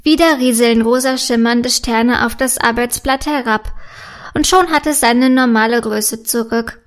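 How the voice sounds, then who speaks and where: A woman narrating a children's story in a calm, clear, even storytelling manner. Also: fairly high pitch, unhurried.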